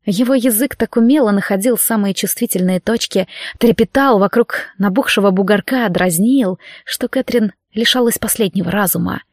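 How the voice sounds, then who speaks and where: A woman narrating a romance audiobook in an even, steady reading voice. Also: medium pitch, normal speed, few pauses, no room sound, studio quality.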